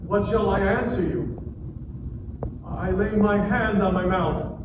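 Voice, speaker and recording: A man's voice: high voice, takes it slowly. A man playing a humbled, repentant sufferer in a dramatic scripture reading, speaking solemnly and submissively. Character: Job, humbled, suffering, repentant servant of God. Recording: echoey hall, distant mic, background noise.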